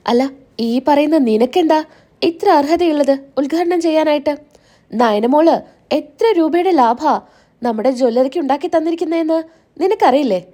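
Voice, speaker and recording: A woman's voice: sits high, moderate pace, mellow, lightly acted. A woman voicing a firm matriarch who settles family business decisively. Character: firm older matriarch favoring one daughter-in-law.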